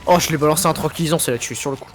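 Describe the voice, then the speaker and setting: A man's voice: on the high side, racing. A young man streaming a video game, joking and teasing his co-player in casual chat.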